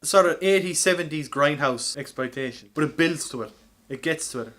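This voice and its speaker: An Irish podcast co-host with a fairly high, slightly bright voice talks a little fast as he tells film stories. The chat is casual, informal, sweary, and animated.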